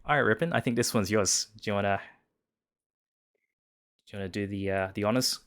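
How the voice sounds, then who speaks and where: A man's voice: fairly low pitch, fairly quick, a bit bright, clear, resonant tone. A man hosting a casual live stream chat, often repeating and restarting his words as he talks. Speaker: stream host.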